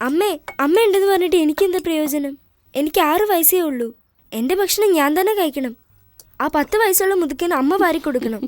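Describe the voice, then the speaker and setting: A woman's voice: very high voice, animated, fairly quick, no echo. A woman doing a sassy six-year-old girl. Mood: complaining. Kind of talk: film dubbing.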